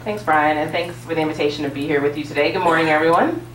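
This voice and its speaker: Low-voiced woman commissioner in a hall. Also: fast talker, slight background noise. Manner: formal, policy-focused, with many "uh" fillers. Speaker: state utilities commissioner on a panel. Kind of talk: prepared panel remarks. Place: large auditorium stage with audience. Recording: roomy hall sound from a distance.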